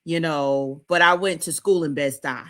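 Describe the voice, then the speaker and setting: A woman's voice: low-pitched, steady tone, moderate pace, fairly bright tone. A woman from Brooklyn with a New York accent, co-hosting a podcast in chatty, easygoing banter. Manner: laughs easily, chatty. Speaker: podcast co-host.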